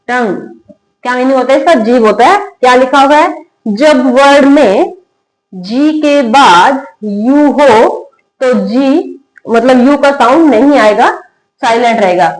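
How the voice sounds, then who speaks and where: Woman drilling spelling rules, higher voice. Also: lively intonation, unhurried, poor audio. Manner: repetitive call-and-response drilling, asking and answering her own questions. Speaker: English teacher. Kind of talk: spoken English lesson in Hindi.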